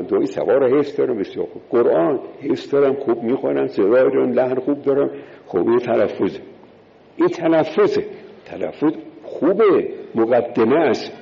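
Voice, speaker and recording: A man delivers a religious sermon, counting off his points and driving each one home by repeating it. His voice has a gravelly edge. It rings out with a long reverb in a lo-fi recording. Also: mid-range voice. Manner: emphatic, repeats key words, counts points in order. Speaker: preacher.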